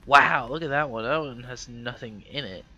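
A man's voice: mid-range voice, normal speed, bright, forceful tone, muffled recording. A young man thinking aloud while he plays a game, musing and hesitant. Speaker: gamer. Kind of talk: let's play commentary.

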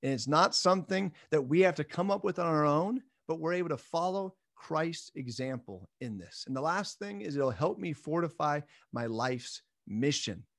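Guy in his 30s doing a church lesson over webcam, kinda high voice, dry close sound, earnest and encouraging. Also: animated, normal speed, few pauses, fairly bright tone, no echo. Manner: earnest, encouraging, jokes at his own slips. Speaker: church minister. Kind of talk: recorded midweek Bible lesson.

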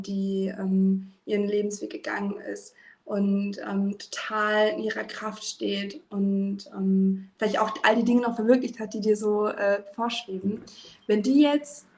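A woman's voice: medium pitch, gravelly, slight background noise. A woman hosting a podcast, asking encouraging, reflective questions over a video call with frequent fillers. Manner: warm, encouraging questioner, often says "ähm". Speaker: podcast host. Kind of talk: casual conversational interview. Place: room with sloped ceiling.

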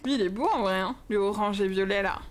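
A young woman chatting excitedly while playing a game on a livestream and talking to her in-game pets and her chat. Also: mid-range voice, quick pace. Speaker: streamer. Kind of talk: casual Minecraft livestream commentary.

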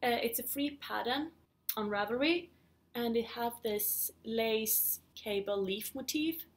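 A fairly high-pitched female voice with a Swedish accent chats at a measured pace in a casual knitting vlog. The speaker, a woman in her thirties from Sweden, hosts the podcast from her living room at home and sounds a little hesitant.

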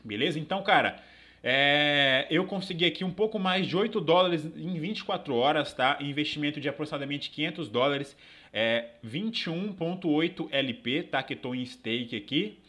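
A man's voice: on the high side, animated, moderate pace, pushed and bright. A young Brazilian man with a Brazilian Portuguese accent hosting a casual live screen-share tutorial, talking loosely with many fillers and tag questions, recorded at his desk in a small room. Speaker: crypto channel host.

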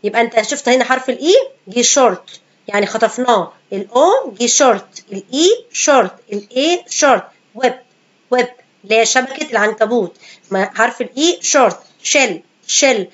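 A woman English teacher with an Egyptian Arabic accent, giving a pronunciation lesson, repeating each example word slowly and answering her own questions. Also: on the high side, lively intonation. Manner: asks questions and answers them herself. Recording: dull lo-fi sound.

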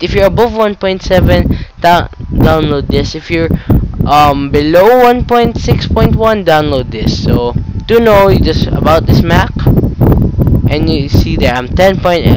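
This teenage tutorial maker has a cold, and his voice sits on the high side with a very noisy recording. Sitting at a computer in an indoor room, he explains the steps in a casual screen-recorded tutorial, rambling, correcting himself, and swearing casually.

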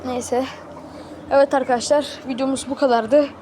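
A woman vlogger talks casually to her viewers from a chicken coop, her high voice steady and at normal speed. She treats them like friends and bluntly scolds the animals around her, while loud farmyard noise and clucking birds fill the background.

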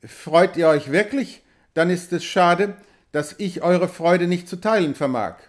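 Ein Mann spricht einen kühlen, strengen Westmann. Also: male voice, a little high, moderate pace, lightly acted. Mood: cold. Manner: cool, stern, curt. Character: cold, sharp-eyed frontier hero, man.

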